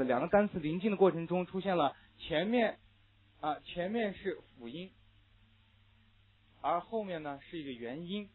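A male English teacher gives a classroom lecture on linked sounds in listening tests, with "ah" fillers and slow repeat-after-me drills. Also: on the high side. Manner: explains rules with frequent "ah" fillers, then models words slowly. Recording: tinny phone-like audio.

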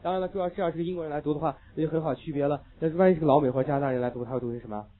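A man's voice: fairly high pitch, rapid-fire. A man teaching an English listening class, lecturing emphatically, repeating key points and dropping joking asides. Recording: tinny lo-fi phone-like recording.

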